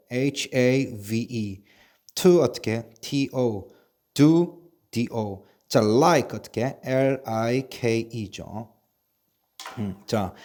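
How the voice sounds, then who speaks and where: Recording a video lesson, a man teaches English spelling online, asking how each word is written and then answering himself by spelling it out letter by letter. His voice is mid-range and a little mellow.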